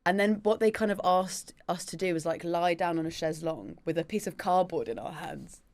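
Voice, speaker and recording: A young woman from Leeds, a podcast guest telling stories in casual chat, animated and quick to laugh. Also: lowish voice. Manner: giggly, animated storyteller.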